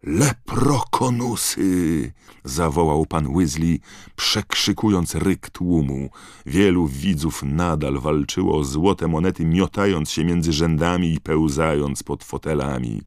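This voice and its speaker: Very deep, slow male audiobook narrator. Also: darkish tone, dry recording, studio quality. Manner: measured, unhurried reading. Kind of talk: scripted narration.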